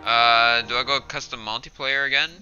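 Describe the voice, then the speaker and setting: A man hosting a casual gaming session, swearing and excitable. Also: medium pitch, normal speed, muffled recording, soft background music. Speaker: gaming channel host.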